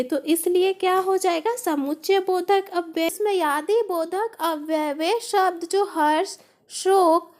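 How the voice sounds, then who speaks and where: Very high-voiced woman teaching grammar. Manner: asks questions and answers them herself; often calls on listeners to look. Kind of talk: classroom-style grammar lesson.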